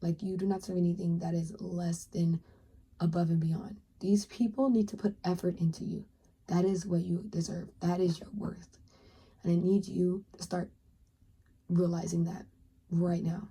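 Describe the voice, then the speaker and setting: Earnest husky-voiced woman reading tarot. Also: on the low side, level tone, normal speed, warm tone. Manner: earnest, encouraging, talks straight to the viewer. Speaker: tarot reader. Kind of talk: pick-a-card tarot reading.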